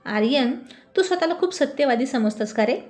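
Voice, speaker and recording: A woman's voice: high voice, animated, moderate pace, darkish tone. A woman voicing a feisty teenage girl who bickers indignantly with a cousin. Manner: indignant, teasing.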